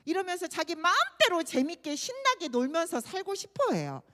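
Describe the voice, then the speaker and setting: A woman's voice: extremely high pitch, very animated, normal speed, bright, forceful tone, in a large hall. A woman teaching at a children's worship service, telling a Bible story expressively and asking the children questions. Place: church.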